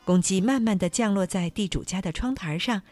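A woman narrating a children's folk tale with an expressive, animated reading. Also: medium pitch, brisk, no room sound, soft background music. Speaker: storyteller.

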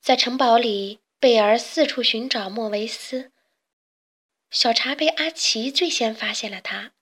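A woman narrates a children's storybook, calm and expressive. Her voice sits high and clear. She shapes each sentence for young listeners. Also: measured pace.

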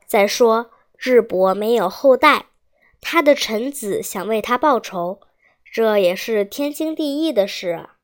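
A woman voicing a male lord who is stern yet magnanimous, speaking in a measured, grave manner. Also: on the high side, animated.

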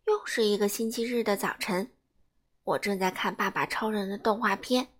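A woman reading a children's picture story aloud in an expressive way. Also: mid-range voice. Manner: expressive, unhurried narration.

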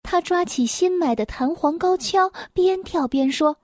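A woman reading a children's picture book aloud, gentle, clear and expressive. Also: very high-pitched, measured pace, no echo, clean studio sound. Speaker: storyteller.

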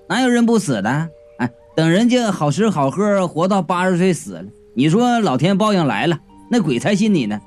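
A man's voice: sits high, darkish tone. A man narrating a comic story in a playful, wry manner. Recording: faint background music.

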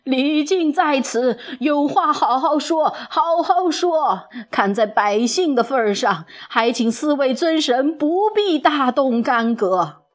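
A woman's voice: a little high, lively intonation, heavily acted. A woman doing an anxious pleading father. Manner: pleading, slow and drawn out. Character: anxious pleading middle-aged father and general. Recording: soft music behind.

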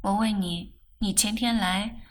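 A woman's voice: medium pitch, steady tone, a little slow, a little hiss or hum, close to an everyday voice. A woman reading a novel aloud, voicing a frank young woman who scolds playfully. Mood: playful reproach.

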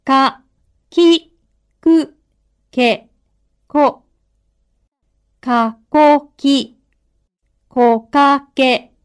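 A woman's voice: high voice, drawn-out words, long pauses. A woman reads pronunciation-drill material as a model speaker, dictating each item carefully on its own. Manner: dictating isolated syllables, words and sentences carefully. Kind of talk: scripted pronunciation-drill reading.

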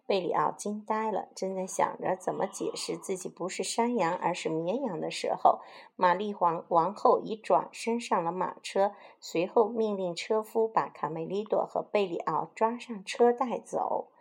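A woman's voice: mid-range voice, moderate pace, vocal fry, breathy edge. Woman reading a picture book aloud. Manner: lively expressive reading. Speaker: storyteller.

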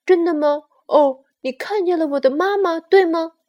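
Woman voicing a little bear cub, storybook, loud, insistent, very high voice. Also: slow pace, lo-fi sound. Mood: excited. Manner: shouting, insistent.

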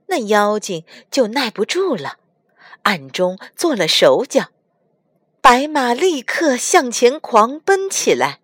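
A woman reading a children's storybook aloud in an expressive, sing-song way, as a storytelling mother. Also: mid-range voice, dry recording, studio quality.

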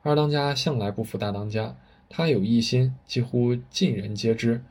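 A man's voice: mid-range voice, steady tone, moderate pace, a little mellow. A man telling a story with vivid, dramatic narration. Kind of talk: spoken storytelling.

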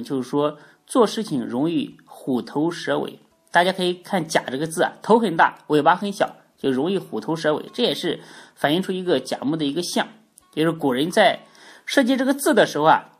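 A woman's voice: deep voice, husky. A woman with a stuffy, congested nose from a cold gives an explanatory spoken lesson as the host, phrasing her points emphatically. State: has a cold. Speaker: teacher of Chinese astrology, hosting an audio programme.

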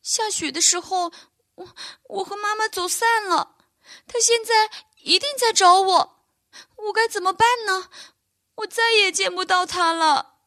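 A woman's voice: very high voice, expressive, measured pace, voice pushed up. A woman voicing a timid little male reindeer calf who stammers and sounds tearful in a bedtime storybook.

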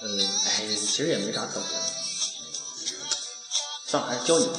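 A man's voice: on the low side, lively intonation, normal speed. A young man, hosting a casual chat in a joking, teasing manner. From Guanzhong, Shaanxi, China. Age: young adult. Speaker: host of a student audio show. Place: small empty classroom, indoors. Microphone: basic recording equipment. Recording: echoey reverberant classroom. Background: loud background music.

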